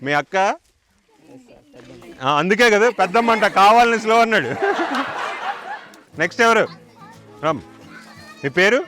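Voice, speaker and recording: A high-voiced man runs a village game show outdoors, calling out the counts loudly and teasing the players. Music plays under his voice throughout. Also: lively intonation, a little slow, long pauses. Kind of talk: lively outdoor game hosting, counting aloud.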